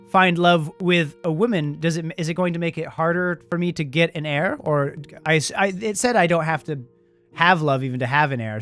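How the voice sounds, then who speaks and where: A man giving casual, animated playthrough commentary, thinking aloud as he plays and reads out game text. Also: on the high side.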